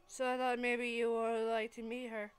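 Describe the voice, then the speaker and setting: A woman voicing a pushy, friendly adult woman who plays matchmaker, with halting, insistent delivery in an amateur fan-fiction reading. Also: on the high side, level tone, clear, resonant tone, close to an everyday voice. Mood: urging.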